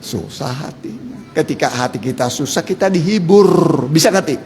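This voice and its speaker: A male pastor with a gravelly, creaky voice leads a lively sermon, firing questions at the congregation and repeating key words back. The sound carries a long church-hall echo and a faint background hum. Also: fairly high pitch, moderate pace. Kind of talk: interactive sermon with call and response.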